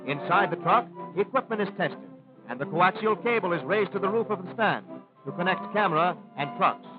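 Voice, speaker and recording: This American narrator uses a formal, declarative 1930s newsreel delivery, his fairly high voice lively in intonation and a little quick. Music is clearly audible behind the scripted lines, and the old film soundtrack sounds thin and tinny.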